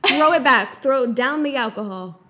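A woman's voice: high voice, normal speed. Giggly young woman podcast host. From United States. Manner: giggly, excitable, playful guessing. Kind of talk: casual chat.

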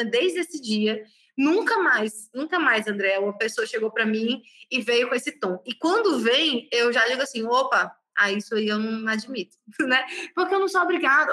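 Woman chatting about her work, high voice, lots of emphasis and exclamations. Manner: expressive, animated storytelling with emphatic exclamations. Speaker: tarot reader and mentor. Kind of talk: casual conversation.

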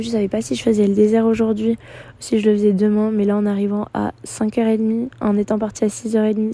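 A woman's voice: medium pitch, vocal fry, dark tone, husky. A young woman vlogging from a hostel dorm, telling a travel story in a rambling way with many fillers and restarts. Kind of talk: casual storytelling.

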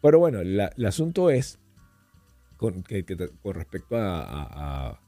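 Un hombre invitado a un pódcast, que cuenta historias de forma animada y coloquial, con muchas frases que se reinician. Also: male voice, deep voice, a little slow, no echo, soft background music. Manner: animated, rambling storyteller with frequent restarts; colloquial, addresses host as "hermano". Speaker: podcast guest. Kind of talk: casual storytelling chat.

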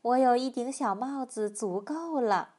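A woman's voice: fairly high pitch, a little slow, darkish tone. A woman reading a storybook voices a small frail old woman who shrieks her exclamations and scolds. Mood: scolding.

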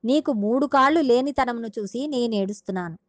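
A woman's voice: on the high side, brisk, dry recording, natural voice. A woman voicing the Earth as a grieving mother cow who explains her sorrow patiently while retelling a sacred story.

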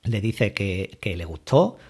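A man from giving a casual, lively recap of a TV episode, loosely acting out the characters' lines as he retells them. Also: on the low side, slow, slightly rough. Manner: lively retelling, voices quoted dialogue loosely. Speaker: series recap commentator.

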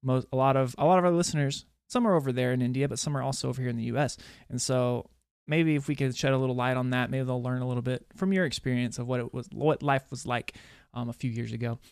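A man's voice: medium pitch, fairly even intonation, fast talker, vocal fry, darkish tone, clear, resonant tone, dry recording, studio quality. A man hosting a casual podcast interview, easygoing and teasing, with frequent ums and restarts. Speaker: podcast host.

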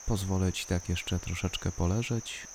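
A calm, soothing voice guiding a body-scan relaxation, unhurried and leaving long pauses between short instructions. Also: low-pitched, a little hiss or hum. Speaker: guided relaxation narrator. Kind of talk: slow guided body-scan meditation.

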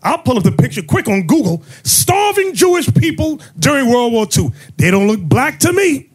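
A man acting as bishop and host, preaching in a fiery way, mocking and often shouting. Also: very high-pitched, big pitch swings, moderate pace, slightly rough.

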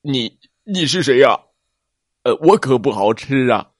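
A man's voice: medium pitch, animated, unhurried, dry recording, studio quality. A man voicing a big, lonely male T. rex who stammers and hesitates as he talks. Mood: nervous. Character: big lonely male T. rex, gruff but shy, fibs nervously.

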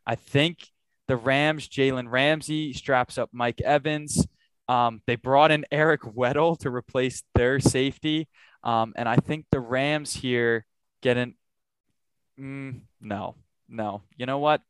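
A man's voice: medium pitch, steady tone, smooth, dry recording. A man hosting a casual sports podcast, talking through his predictions with confidence. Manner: confident, quick to make picks. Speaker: podcast host.

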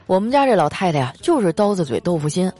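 A young woman with a lowish, breathy-edged voice delivers a comic monologue featuring a sponsored segment over soft music. She keeps it lively and humorous, scattering in drawn-out particles.

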